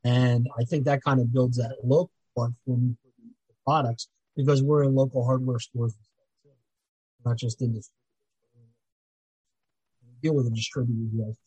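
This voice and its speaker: Give me a husky man whose audio keeps cutting out. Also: mid-range voice, fairly even intonation, measured pace, long pauses, warm tone, dry recording, rough recording. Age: 50s. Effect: audio cutting out from a noise gate. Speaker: podcast guest, business owner. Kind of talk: casual conversation. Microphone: remote call microphone.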